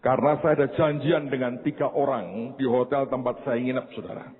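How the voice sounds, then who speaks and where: A man pastor preaching a sermon in a church, telling a story in an animated way and speaking directly to the congregation. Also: mid-range voice, brisk, breathy edge. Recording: tinny phone-like sound.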